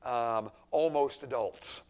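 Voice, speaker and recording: Male preacher, mid-pitched, talking to teens in church; casual, drops to a near-whisper, then punches points. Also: takes it slowly, clean tone. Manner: conversational, swings from hushed to emphatic. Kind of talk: sermon to teenagers.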